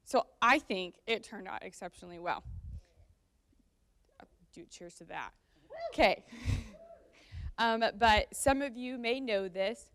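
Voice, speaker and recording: A woman's voice: fairly high pitch, slow, long pauses, fairly bright tone, clear, resonant tone. A young woman in her twenties giving a wedding toast for her sister, laughing and tearing up as she speaks. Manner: emotional, laughing through tears.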